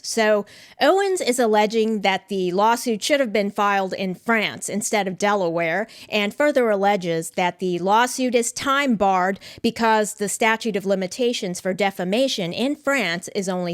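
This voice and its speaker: A woman giving measured, opinionated commentary on a court case as the host of an online show. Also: medium pitch, clear, resonant tone. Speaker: legal commentator. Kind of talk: scripted commentary.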